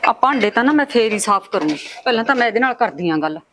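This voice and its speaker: A woman's voice: fairly high pitch, expressive, racing, fairly bright tone, a little hiss or hum. A woman playing a worried rural mother who pleads with her children and confronts her husband over their daughter's match. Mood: angry. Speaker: mother in a family drama. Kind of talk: village short-film acting.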